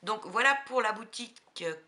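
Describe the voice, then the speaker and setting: A woman with a slight cold chatting casually about crafting supplies, unhurried and hesitant, with many fillers. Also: a little high, sharp tone. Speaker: crafting vlogger. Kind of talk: casual haul chat.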